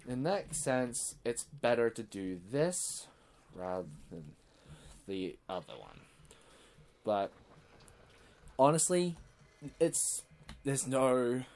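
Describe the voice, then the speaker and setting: A young man giving casual, rambling gameplay commentary, self-deprecating and full of pauses and restarts. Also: mid-range voice. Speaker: gaming YouTuber.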